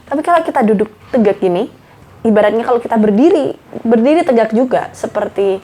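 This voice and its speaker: Young woman vlogging speaking tips, chatty, slightly high voice. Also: expressive, a little fast, dark tone, slight background noise. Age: young adult. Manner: chatty, refers to herself by name, mixes in English phrases. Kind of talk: casual tutorial talk to camera.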